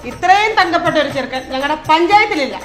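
An actress playing a village shopkeeper and marriage broker in a comic short film, with a shrill, exclaiming manner. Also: female voice, animated, quick pace, soft background music.

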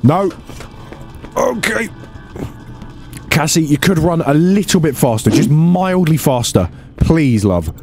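A man's voice: fairly high pitch, very animated, takes it slowly, long pauses, a little mellow, faint music behind. A man giving casual gameplay commentary, swearing freely and talking to the game's characters in bursts of exasperation. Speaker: let's play host.

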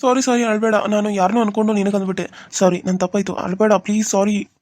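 A man's voice: high-pitched, level tone, fast, darkish tone, no room sound, close to an everyday voice. A man voicing a moody young husband in a cartoon serial, brooding and harsh by turns. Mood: apologetic. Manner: brooding, harsh, then pleading. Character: young husband, moody, torn between two women.

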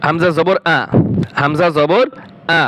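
A man's voice: on the high side, steady tone, slow pace, sharp tone, slight background noise. A man teaching Quran recitation, spelling out letters and drawing out each syllable, repeating words several times before explaining them. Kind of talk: slow spelled-out recitation lesson.

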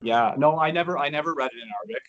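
A Canadian man in his thirties is a guest on a casual video-call interview, talking frankly and chattily from indoors by a large window, full of restarts, fillers and "you know." His voice sits on the high side, a bit bright and racing, captured with lo-fi sound.

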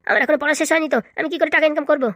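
A woman with a high-sitting, fairly even voice, bright-edged and rapid-fire, plays a meek young student husband, a henpecked son-in-law, in comic cartoon drama dialogue. Flustered and meek, the character pleads in a hesitant, placating, stammering way, captured in a dry, studio-quality recording.

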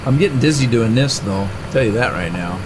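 A man's voice: mid-range voice, lively intonation, a little fast. Rambling middle-aged man with engine noise. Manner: rambling, chatty, with frequent "uh" and restarts. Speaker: gaming channel host. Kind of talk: casual let's-play commentary. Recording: game engine noise clearly behind the voice. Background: tractor and engine sounds from the game.

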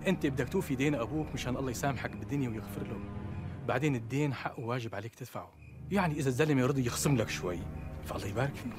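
An actor playing a measured middle-aged sheikh who speaks calmly and admonishingly, with a Damascene accent. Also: male voice, medium pitch, natural voice. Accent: Damascene Arabic. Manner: calm, admonishing. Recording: music underneath.

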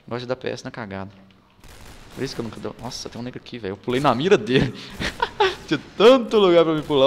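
A young Brazilian man giving excitable gameplay commentary, swearing, laughing and groaning as he plays. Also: mid-range voice, big-room sound, slight background noise. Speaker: gaming YouTuber. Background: game gunfire.

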